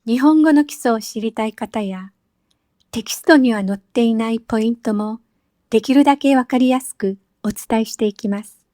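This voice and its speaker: A woman teacher giving a scripted lesson, speaking slowly and carefully with clearly spaced phrases, recorded as a voice-over. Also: on the high side, warm tone. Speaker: Japanese teacher.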